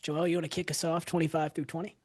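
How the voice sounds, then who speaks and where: A man's voice: fairly high pitch, level tone, quick pace, darkish tone, no echo. A young man co-hosting a casual sports podcast, running segments and firing off lists of player names. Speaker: podcast co-host.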